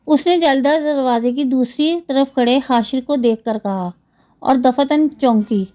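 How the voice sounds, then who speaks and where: A woman's voice: high voice, dark tone. A woman reading a romance novel aloud, storytelling steadily with small restarts. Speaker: novel narrator.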